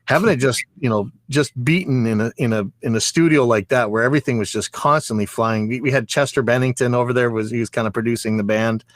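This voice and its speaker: A man's voice: medium pitch, fast, hardly any pauses. A man chatting casually and telling anecdotes like a recording engineer, rambling and repeating phrases as he goes. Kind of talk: casual chat, anecdotal storytelling.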